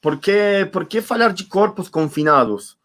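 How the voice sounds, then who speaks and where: On a video call, a man who grew up speaking Spanish reflects as an interview guest, reaching for words and saying them again for emphasis. His high-pitched voice is a bit bright, with lively intonation and an unhurried delivery.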